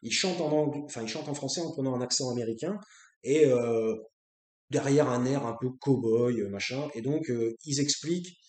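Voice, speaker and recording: A man's voice: medium pitch, fairly quick, a little mellow. Rambling French man in an echoey room. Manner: rambling, many fillers and restarts, blunt and crude. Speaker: host. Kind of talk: unscripted casual monologue.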